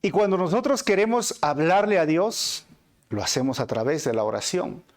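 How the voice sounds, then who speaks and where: A man's voice: animated, moderate pace. Peruvian man preaching with rhetorical questions. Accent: Peruvian Spanish. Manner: addresses listeners as brothers with frequent rhetorical questions; dramatic swings in pitch and loudness for emphasis. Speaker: pastor teaching a Bible study. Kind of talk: inductive Bible study sermon.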